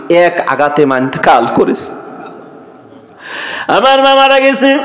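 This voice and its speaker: A man voicing a grief-stricken grown son who tearfully confesses a terrible wrong, his voice pitched high as he pleads. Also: lightly acted. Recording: echoey sermon sound.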